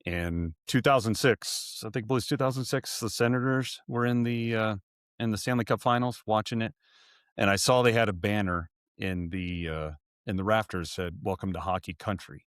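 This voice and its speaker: This clip is a casual interview with a forties-aged arena announcer appearing on a podcast. He speaks at normal speed in a lowish, clean-toned voice, meandering and fixing his own words with little laughs, captured in studio quality without echo.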